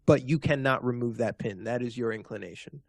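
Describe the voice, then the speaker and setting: A man's voice: medium pitch, a little fast, vocal fry, no echo. A man narrating as game master of a tabletop role-playing game, talking with many fillers and restarts.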